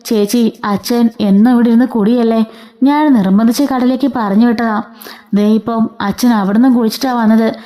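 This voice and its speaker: A woman's voice: a little high, fairly even intonation, normal speed, dark tone, natural voice. A woman voicing a distressed young daughter who pleads for her ailing father. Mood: pleading. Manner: pleading, upset.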